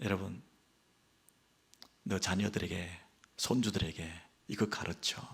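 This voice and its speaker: A male pastor preaching a sermon, who drops to hushed, slow tones when quoting God and rises loud and quick when acting out the people's complaints. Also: deep voice, gravelly, slightly rough.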